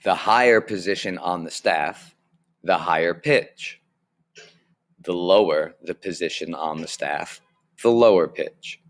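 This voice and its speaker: A young man with a low voice records an online music lesson from a small room, speaking into his webcam mic. He walks through the basics slowly and clearly.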